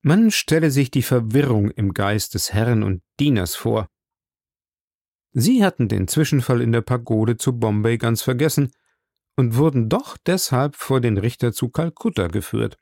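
A man narrating a classic novel as an audiobook in slow, steady storytelling. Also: mid-range voice, no room sound, clean studio sound.

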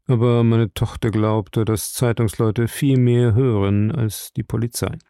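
Male reader as tired dejected rich dad, low, gravelly, audiobook. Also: fairly even intonation, unhurried, dark tone, no echo, clean studio sound, close to an everyday voice. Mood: weary. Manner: weary. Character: tired, dejected wealthy father. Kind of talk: audiobook reading.

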